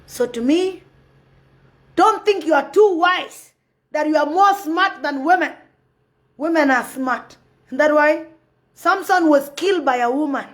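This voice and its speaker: A woman from Sudan, giving passionate, preachy commentary on a live phone video and repeating her points. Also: high voice. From South Sudan. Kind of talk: impassioned live-stream commentary.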